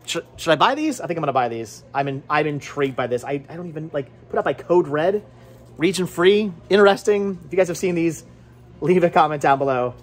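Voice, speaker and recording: Speaking a little fast in an animated, somewhat high voice, a man in his forties who vlogs and collects movies chats playfully to his handheld camera at arm's length. It's a casual shopping vlog in an indoor video and game shop, and he rambles, often interrupting himself.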